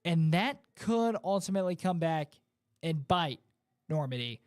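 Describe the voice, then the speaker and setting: A man hosting a sports talk show in a high, bright register. He runs through playoff scenarios with lively energy, and the recording is dry and close with no room sound. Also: a little slow, clean tone, no room sound.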